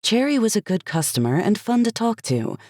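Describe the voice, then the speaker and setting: A woman reading a first-person cozy mystery audiobook as an expressive, light storytelling narrator. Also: medium pitch, a little fast, no room sound, studio quality.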